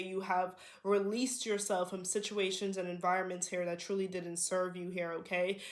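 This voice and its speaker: A woman doing tarot, her medium-pitched voice nasal and a touch under the weather, offers viewers a spiritual card reading. She reassures them, regularly asking "okay?" and saying "here" again and again.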